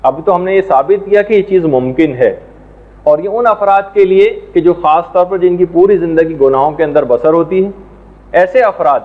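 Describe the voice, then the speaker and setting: A man teaching a religious lesson in a measured, explanatory way, now and then reciting Arabic prayers and verses. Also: high voice. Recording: tinny phone-like sound.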